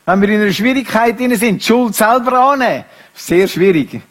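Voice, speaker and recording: Husky-voiced preacher. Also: male voice, sits high, lively intonation, fairly quick. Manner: shifts between quiet musing and raised emphatic speech. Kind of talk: sermon.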